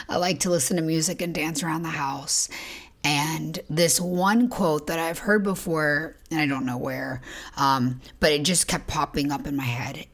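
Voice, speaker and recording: Female podcast host, low raspy morning voice, intimate near-whisper delivery. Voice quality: husky morning voice. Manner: soft and intimate, often half-whispered. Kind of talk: reflective motivational monologue.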